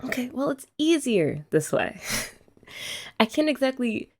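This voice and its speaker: Playing a girlfriend in a scripted ASMR roleplay, a young woman with a high-pitched, very animated voice takes her time. She's an ASMR creator who chats playfully, teasing and laughing often.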